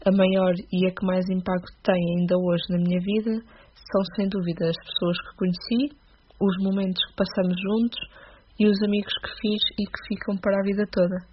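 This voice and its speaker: A woman's voice: medium pitch, level tone, fairly quick, noisy background. A Portuguese woman in her late twenties with a European Portuguese accent, steadily reading a prepared personal testimony. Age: 20s. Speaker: guest giving a testimony. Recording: dull lo-fi recording.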